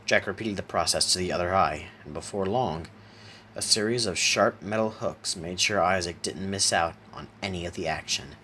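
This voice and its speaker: A man narrating a horror story in a slow, deliberate reading, now and then clearing his throat. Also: deep voice, sharp tone, slight background noise.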